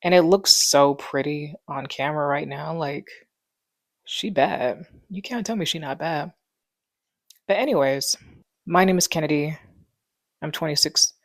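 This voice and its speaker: Recording a casual chat in her living room on a wireless clip mic, a vlogger in her twenties rambles in a relaxed way, full of fillers. Her voice sits low and she speaks at a measured pace, pausing often. The recording is dry and studio quality.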